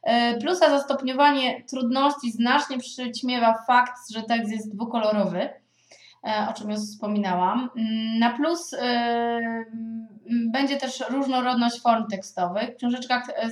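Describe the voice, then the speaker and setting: A woman in her thirties giving a spoken review of children's books as a parent, thoughtful and hesitant, often pausing on drawn-out filler sounds. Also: a little high. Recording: echoey room.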